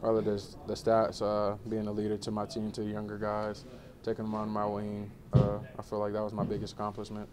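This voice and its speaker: A young man in his twenties, a college football player, answering questions in a relaxed postgame press interview, with many fillers. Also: on the low side, brisk, few pauses, over music. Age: 20s. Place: indoor media room before a banner.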